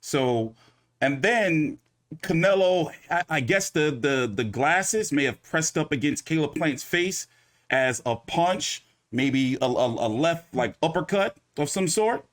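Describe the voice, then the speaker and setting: A man's voice: a little high, animated, takes it slowly. A man hosting a loose, rambling recap of a boxing press conference, cursing casually as he talks. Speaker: boxing commentary host.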